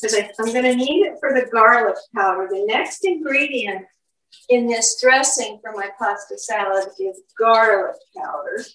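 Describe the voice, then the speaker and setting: A woman's voice: on the high side, normal speed, fairly bright tone. Older lady talking thru a recipe in her kitchen, roomy echo, a bit far off mic. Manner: chatty, explains each step aloud. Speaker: home cooking host. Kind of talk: casual cooking demonstration. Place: home kitchen, indoors. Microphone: camera mic at a distance. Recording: echoey kitchen, distant mic.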